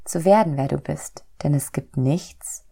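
A woman voicing a kind, calm and patient God in a storybook reading, explaining gently. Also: deep voice, measured pace, creaky, breathy edge, full character voice. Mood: gentle.

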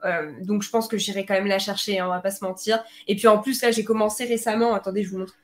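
A woman's voice: medium pitch, level tone, fast talker. A woman chatting on an online podcast, talking freely with many fillers and small restarts. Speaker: podcast panelist. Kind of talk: casual online chat. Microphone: home computer mic on a video call.

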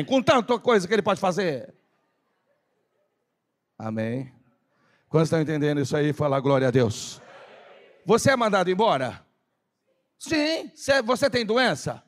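A man preaching a lively sermon in church, firing rhetorical questions and calling for responses. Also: high voice, normal speed, long pauses. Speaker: pastor. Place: church service.

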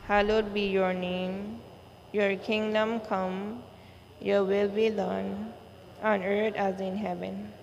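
A woman leading a church service, reciting the liturgy in a slow, measured way, her voice carrying a cathedral echo. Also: mid-range voice, creaky, a little mellow. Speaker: worship leader. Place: large church. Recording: long church reverb, faint noise.

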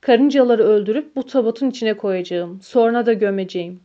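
A woman's voice: a little high, brisk, dark tone, lightly acted. A woman reading a crude drunken man. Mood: coarse taunting. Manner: coarse, taunting. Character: drunk, crude grown man, bitter and mocking. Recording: dull lo-fi recording.

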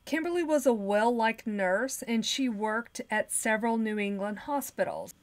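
A woman's voice: on the high side, animated, normal speed. Woman narrating true crime. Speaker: podcast co-host.

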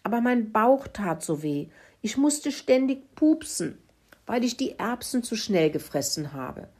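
A woman voicing a grumpy, sleepy male pig in a children's story who bellows and whines, husky voice. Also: fairly high pitch, big pitch swings, measured pace, darkish tone, pitched above the performer's own voice, full character voice. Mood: sheepish. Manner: bellowing, whiny.

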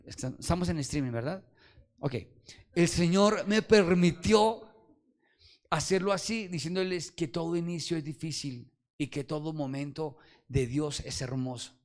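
A man preaching a Sunday sermon, calling out to the congregation and swinging from loud exhortation to quiet low asides. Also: a little slow. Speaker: pastor. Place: church service.

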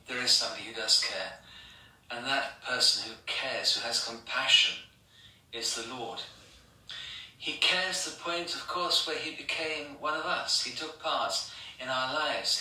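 A man with an English accent, a priest giving a sermon in measured, repeating rhetorical questions. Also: medium pitch, sharp tone. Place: church. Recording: echoey church from far off.

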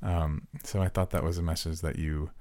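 A man's voice: extremely low pitch, little pitch movement, moderate pace, warm tone. A man co-hosting a podcast, chatting casually about songs in an easygoing, earnest way and laughing often. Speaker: podcast co-host. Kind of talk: casual music chat.

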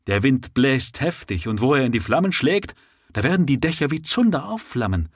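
A man's voice: medium pitch, wildly swooping pitch, slow pace, slightly rough, no room sound, clean studio sound, voice pushed up, heavily acted. A man voicing a frenzied male writer who bursts into wild, exultant exclamations. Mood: frantic. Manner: wild exclamations, rising to shouts.

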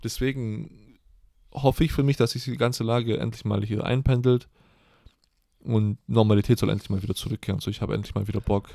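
A man's voice: fairly low pitch, steady tone, fairly quick, gravelly, mellow, no echo, studio quality. A young man chatting casually and crudely as a podcast co-host, rambling and joking. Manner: loose, rambling, crude humor. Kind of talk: casual slangy chat.

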